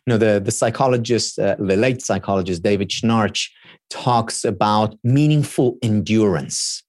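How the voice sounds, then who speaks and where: With a fairly low, slightly mellow voice at normal speed, a guest expert whose first language is Hebrew talks thoughtfully in an interview, explaining earnestly and repeating words as he thinks. It's a studio-quality recording without echo.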